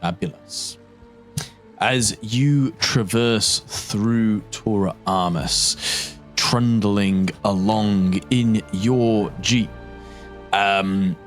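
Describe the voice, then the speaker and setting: Slow, deliberate male game master. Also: lowish voice, steady tone, soft background music. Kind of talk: tabletop role-play narration as game master, descriptive and deliberate.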